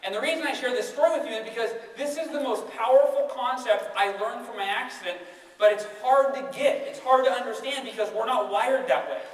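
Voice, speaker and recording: Energetic young man giving a keynote. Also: very high-pitched, a little fast. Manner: energetic, conversational, tags lines with "right?". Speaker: keynote speaker. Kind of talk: motivational keynote storytelling. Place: large hall with audience. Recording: echoey hall, distant mic, faint noise.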